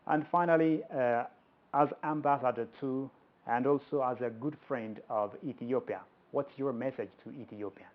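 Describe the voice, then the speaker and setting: A man's voice: medium pitch, normal speed. Male interviewer, muffled lo-fi sound. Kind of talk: formal interview questions. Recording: dull lo-fi audio.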